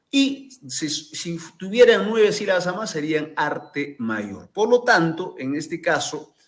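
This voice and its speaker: A man, a literature teacher explaining exam answers and often checking in with "isn't that right?". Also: medium pitch.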